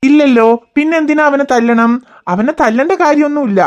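A woman doing a gentle, soothing cartoon dad. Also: high voice, brisk, muffled recording, natural voice. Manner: soothing, reasoning, calm. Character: gentle, patient father of small children. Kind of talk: cartoon voice acting.

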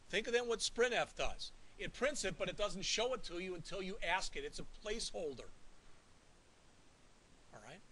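A man's voice: on the high side, sharp tone, poor audio. A man teaching a college programming class, talking conversationally and checking in often with the students. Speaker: college instructor. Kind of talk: classroom lecture. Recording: faint hiss.

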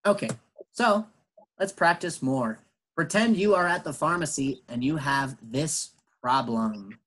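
A male English teacher explains slowly and patiently in a bilingual classroom lesson, switching between English and Spanish. His voice is on the high side, fairly bright and husky, and the recording quality is low.

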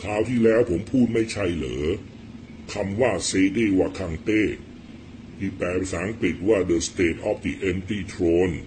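A blunt, rough-spoken middle-aged man tells stories and rants about politics in a casual monologue. His voice sits low, and a faint hiss of background noise runs under the recording. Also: slow, darkish tone. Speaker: political commentator.

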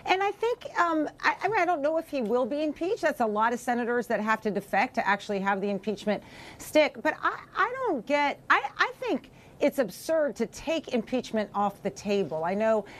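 A woman's voice: on the high side, big pitch swings, normal speed, fairly bright tone. Emphatic female political commentator. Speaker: panel guest, commentator. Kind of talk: news panel commentary.

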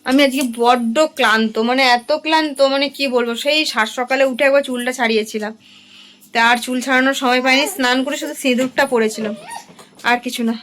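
A woman's voice: sits high, fairly even intonation. A woman in her thirties with a Bengali accent, chatting casually in a home vlog about her evening. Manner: chatty, drawn-out, softly spoken at times. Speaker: vlogger. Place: home at night.

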